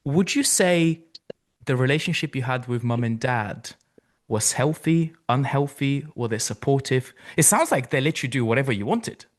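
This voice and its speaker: Host asking questions. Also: male voice, mid-range voice, animated, normal speed. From Bulgaria. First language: Bulgarian. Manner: reflective, asks probing questions. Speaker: podcast host. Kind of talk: interview conversation.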